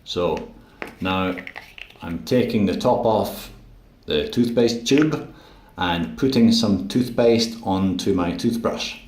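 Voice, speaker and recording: A man teaching English, slowly narrating everyday actions in a clear, deliberate way. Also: low-pitched, darkish tone, roomy sound, a little hiss or hum. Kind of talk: slow, simple narration of daily actions.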